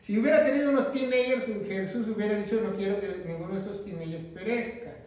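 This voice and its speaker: A man's voice: sits high, fast, darkish tone. A male pastor teaching a Bible class who keeps asking his listeners questions and then answering them himself. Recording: echoey room, mic far off.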